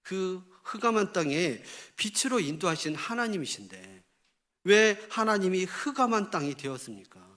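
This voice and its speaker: A man preaching a Sunday sermon as a pastor. He reads scripture slowly, then acts out God's rebuke in lively exclamations and asks the congregation rhetorical questions. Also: high voice.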